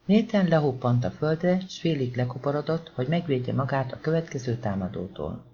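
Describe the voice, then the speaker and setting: A man narrates an audiobook in a steady, measured reading voice of middle pitch. The recording is slightly dull and lo-fi. A faint hiss sits underneath. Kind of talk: scripted narration.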